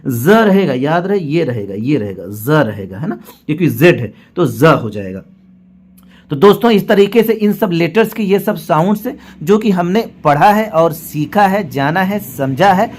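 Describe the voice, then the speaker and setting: A male teacher gives a patient spoken lesson on the sounds of English letters. His voice sits a bit high for a man, and he repeats every example word slowly while checking that his listeners follow. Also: lively intonation. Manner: often asks the viewer to notice and checks agreement.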